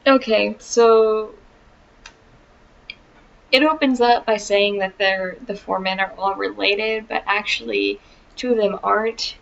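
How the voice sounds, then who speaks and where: A woman with a gravelly, fry-tinged voice talks slowly through a casual book review, wry and chatty with plenty of ums. The recording is dull and lo-fi, with a faint hiss behind her. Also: mid-range voice, steady tone. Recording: dull lo-fi sound with faint noise.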